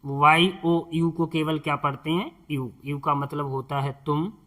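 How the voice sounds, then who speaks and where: Slow, patient high-voiced teacher. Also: male voice, fairly even intonation, fairly bright tone. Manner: slow and patient, spells out words letter by letter and asks the viewer questions. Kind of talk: spoken English lesson for beginners.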